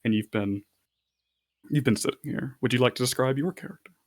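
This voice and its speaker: A man narrating as game master for a tabletop role-playing game, relaxed and rambling with fillers. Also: medium pitch, a little fast.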